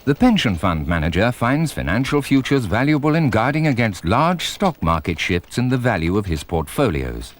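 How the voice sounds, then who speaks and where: A man reading scripted corporate documentary narration in a measured, formal way. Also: medium pitch, big pitch swings, a little hiss or hum. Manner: measured, formal presenter delivery. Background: music.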